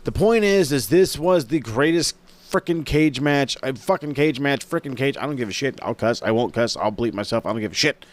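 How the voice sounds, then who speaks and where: Young male host, loose and profane, rambles with excitement, mid-range voice. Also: medium pitch, fairly quick. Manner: rambling, swears a lot, excitable. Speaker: wrestling review podcast host. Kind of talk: casual profane recap.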